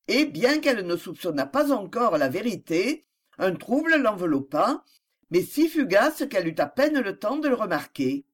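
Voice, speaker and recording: An audiobook narrator reading a novel with scripted, expressive narration. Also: mid-range voice.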